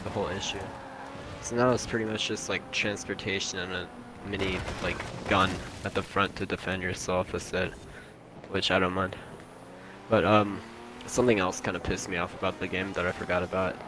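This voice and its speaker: A man's voice: low voice, level tone, moderate pace, background noise. A man chatting on a friend's game stream, complaining with lots of fillers and the odd swear word. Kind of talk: casual gaming chat. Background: game music.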